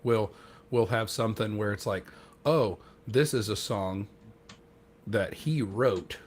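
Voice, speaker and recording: A man's voice: on the low side, slow pace, slight background noise. A man on a podcast telling a rambling, self-deprecating story in casual chat, acting out what other people said. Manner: acts out quoted dialogue. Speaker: podcast co-host.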